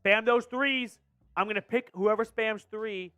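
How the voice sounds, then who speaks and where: An excitable man hosts a live fan watch party, calling each play and rallying his chat. His voice sits high. He is recorded dry and close, with faint music underneath. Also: unhurried, smooth, no room sound, lo-fi sound. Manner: excitable, hypes chat and reads super chats. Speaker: fan channel host doing live play-by-play.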